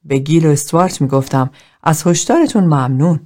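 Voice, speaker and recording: A detached, aloof man, as a woman reads him, with a low voice that stays flat and unemotional. He answers coolly, as though nothing touches him, in a quiet audiobook reading.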